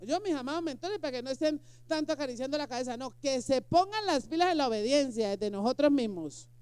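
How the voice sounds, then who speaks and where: Lady pastor preaching, high voice, dry sound, punchy with lots of questions. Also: animated, a little fast, a little mellow, no room sound. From Colombia. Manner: emphatic, rhetorical questions to the congregation. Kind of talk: sermon.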